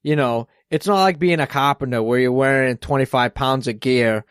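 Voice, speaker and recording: A man's voice: mid-range voice, normal speed, clean tone, no room sound, clean studio sound. A man with a Boston accent hosting a podcast, rambling in casual chat and swearing freely. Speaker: podcast host.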